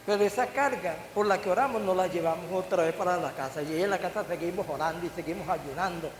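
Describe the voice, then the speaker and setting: A man's voice: high-pitched, quick pace. An older man preaching a sermon as pastor, with rising bursts and questions to the congregation. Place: church hall. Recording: echoey church hall with faint hiss.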